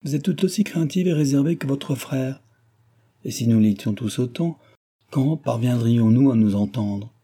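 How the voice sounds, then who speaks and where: A man's voice: medium pitch, normal speed, warm tone, close to an everyday voice. A man voicing a chattering, pushy middle-aged mother in an audiobook, talking in a gushing, overfamiliar, insistent way.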